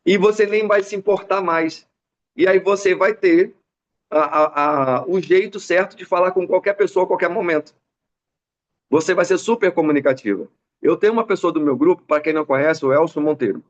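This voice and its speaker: A man's voice: high voice, normal speed, dull audio. A Brazilian man giving a motivational business mentoring talk, telling stories and acting out the people in them. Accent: Brazilian Portuguese. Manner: animated storyteller acting out dialogue.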